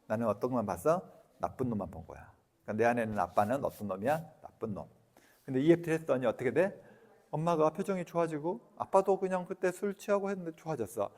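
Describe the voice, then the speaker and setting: Animated male lecturer in a reverberant hall. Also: mid-range voice, fast talker. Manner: animated, quizzing the audience with questions.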